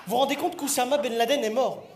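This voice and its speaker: A male stand-up comedian who teases and jokes with his audience in an animated way. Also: extremely high pitch, quick pace. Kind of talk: stand-up comedy with crowd work. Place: stage in a comedy venue. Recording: echoey venue with crowd laughter and noise.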